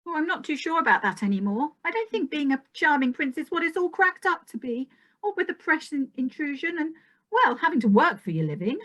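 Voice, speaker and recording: A woman's voice: sits high, very animated, fairly quick, fairly bright tone. A woman playing a mopey, disillusioned young fairy-tale princess in a comic pantomime, plaintive and sighing. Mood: resigned.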